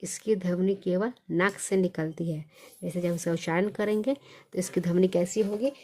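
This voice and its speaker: A woman's voice: fairly low pitch, a little mellow. Woman teaching Hindi letters. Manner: asks questions and answers them herself, repeats sounds slowly. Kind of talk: basic Hindi reading lesson.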